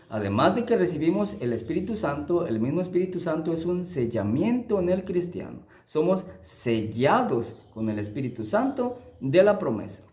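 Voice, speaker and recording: A man teaching the Bible in a sermon style, emphatic, lifting his voice for scripture and dropping low to press a point. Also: warm tone, roomy sound. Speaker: preacher.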